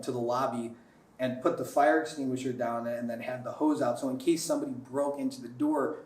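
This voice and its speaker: A man's voice: mid-range voice, darkish tone. A man giving a keynote speech to students, telling a story in an earnest, reflective way and often restarting his sentences. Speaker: keynote speaker. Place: lecture room. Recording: echoey room from far off.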